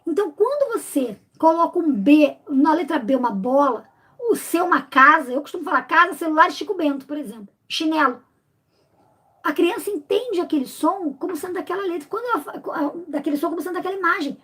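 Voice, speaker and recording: High-pitched teacher lady in her 50s, explains stuff and sounds out syllables real slow. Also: animated, a bit bright. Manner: sounds out syllables slowly and emphatically. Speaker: literacy teacher.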